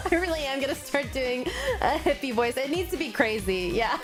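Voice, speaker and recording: A woman streamer chatting in a giggly, rambling way between voice-acted game lines, with faint game music behind. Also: high-pitched. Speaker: VTuber streamer. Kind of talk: live-stream commentary while voice-acting a game.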